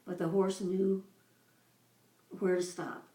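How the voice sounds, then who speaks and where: A woman in her seventies recalling her childhood for her child, telling it slowly with pauses. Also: lowish voice, level tone, warm tone. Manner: unhurried storytelling with pauses. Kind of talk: casual reminiscing. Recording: roomy echo, voice from a distance.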